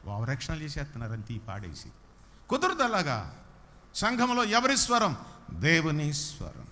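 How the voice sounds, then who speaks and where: A man's voice: fairly high pitch, wildly swooping pitch, moderate pace, bright, forceful tone. A man preaching a sermon, repeating lines for emphasis and often asking if the listeners understood. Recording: long hall reverb.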